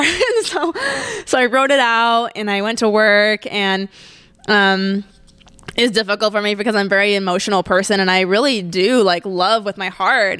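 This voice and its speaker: A woman's voice: mid-range voice, fairly bright tone, clean tone, no echo, studio quality. A woman in her twenties hosting a solo podcast, chatting casually and emotionally with frequent laughs. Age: 20s. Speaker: podcast host.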